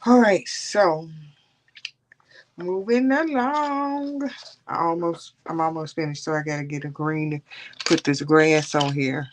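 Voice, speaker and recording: A woman's voice: low voice, steady tone, moderate pace, slight background noise. A woman hosting a casual coloring livestream, rambling and chatting with her viewers. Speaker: livestream host.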